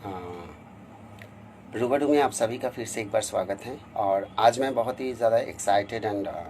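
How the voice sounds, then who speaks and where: Young male host on a video call, halting and effusive, faint noise behind. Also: fairly low pitch, darkish tone. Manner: effusive, halting, mixes English and Hindi, many "uh"s. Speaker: interview host. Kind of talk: hosting a live online interview.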